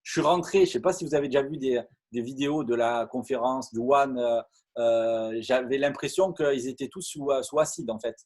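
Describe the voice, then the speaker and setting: A middle-aged man from France tells a story to an audience in a lively way, with stumbles, repeated words and many fillers. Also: medium pitch, moderate pace. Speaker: network marketing speaker. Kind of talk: animated storytelling talk to an audience.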